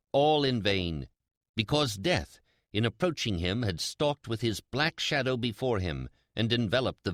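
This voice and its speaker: Male actor as a gloating mad killer, theatrical Gothic horror reading, very animated intonation, drawn-out emphasis, close dry sound. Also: sits low, no room sound. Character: mad, gloating, sly male murderer confessing his crime.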